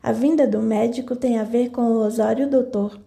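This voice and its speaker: A woman's voice: fairly high pitch, steady tone, moderate pace, creaky, dark tone. A woman voicing a worried, humble male farmhand in an audiobook.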